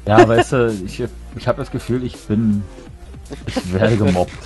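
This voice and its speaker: A man's voice: on the low side, unhurried. A man, chatting casually and teasingly while playing a game with friends. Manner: joking, teasing, rambling. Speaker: let's play gamer. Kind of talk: casual gaming banter. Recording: voice chat with faint background music.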